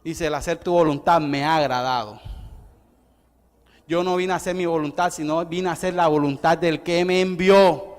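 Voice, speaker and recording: A middle-aged male pastor, preaching an evangelistic sermon. He swings from loud, rising declarations to soft, conversational asides. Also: a little high, steady tone, normal speed. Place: church hall. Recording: long church hall reverb.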